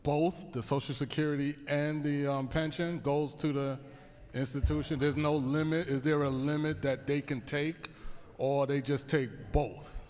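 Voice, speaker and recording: A man's voice: fairly high pitch, flat delivery, measured pace, darkish tone. A man in the audience asking probing follow-up questions at a church workshop. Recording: long hall reverb in church.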